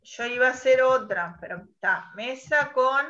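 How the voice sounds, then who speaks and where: A woman teacher leading an online class, patiently quizzing students and spelling out sounds slowly. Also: high-pitched, bright, forceful tone. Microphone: video call. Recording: muffled online call audio.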